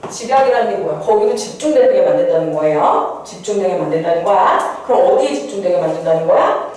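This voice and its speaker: A woman's voice: on the low side, animated, quick pace, a little mellow. A woman teacher giving a poetry lesson, who asks questions and answers them herself. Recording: echoey room, far from mic, faint noise.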